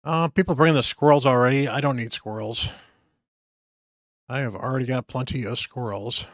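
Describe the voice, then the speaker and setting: Tired streamer guy rambling to chat while he plays, dry close mic, mid pitch. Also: fairly even intonation, moderate pace, dry recording. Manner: rambling, muttering asides to chat. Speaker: game streamer. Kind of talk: casual live-stream chat while gaming.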